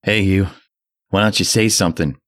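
A man voicing a terrified old drunk who rants in a shrill, cracking old voice and a rustic dialect. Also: fairly even intonation, normal speed, a bit bright. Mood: goading. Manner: rustic old New England dialect, ranting. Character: terrified old male drunk, rambling and frantic.

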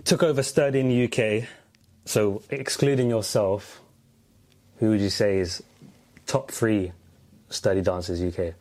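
A man with a lowish voice and a London accent hosts a casual chat. He talks in relaxed street slang, as an interviewer among peers. He often says a phrase again. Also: unhurried, long pauses. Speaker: podcast host, interviewer.

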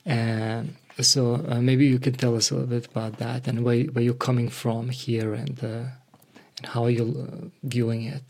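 Brief: male podcast host, mid-pitched, halting, lots of uh between words. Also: little pitch movement, darkish tone. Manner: hesitant, many fillers and restarts. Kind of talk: conversational interview.

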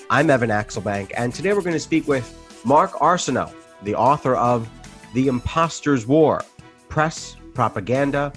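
A man hosting an interview podcast, reading a measured, formal introduction and asking questions. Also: medium pitch, fairly bright tone.

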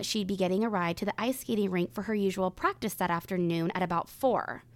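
A woman's voice: mid-range voice, no room sound. Woman narrating true crime, suspenseful and close-up. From Northern California. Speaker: co-host of a true crime podcast.

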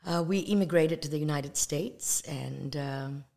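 A Malaysian woman, an evangelist guest, gives a conversational testimony about her faith in a low, gravelly, dark voice. She speaks earnestly and reflectively, with pauses and fillers.

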